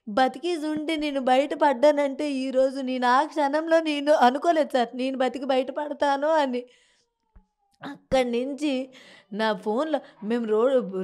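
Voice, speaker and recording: A woman's voice: high-pitched, darkish tone. A young woman from Srikakulam with a Srikakulam Telugu accent, giving distressed, pleading testimony in an interview and keeps addressing the interviewer as sir. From Srikakulam, Andhra Pradesh. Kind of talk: emotional testimony.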